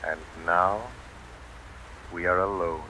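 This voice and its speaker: An actor playing an unseen, mocking avenger in an old-time radio drama, speaking deliberately and theatrically. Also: male voice, deep voice, fairly even intonation, background noise. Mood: menacing, taunting. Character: the Shadow, unseen avenging man, commanding, mocking, menacing.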